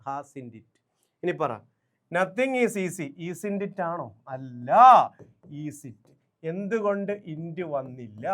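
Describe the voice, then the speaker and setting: Guy teaching grammar for exams, talks slow, kinda high voice, keeps asking you stuff. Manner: slow, drills examples and quizzes the listener. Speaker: English exam coaching teacher. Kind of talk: exam-prep grammar lesson.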